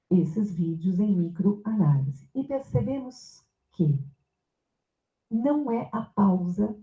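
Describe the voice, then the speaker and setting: A woman giving a university lecture and turning to the audience with questions as she goes. Her voice comes through thin and phone-like, ringing around a large echoey hall. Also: on the low side. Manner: engaging, asks the audience questions. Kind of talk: academic lecture. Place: university amphitheater.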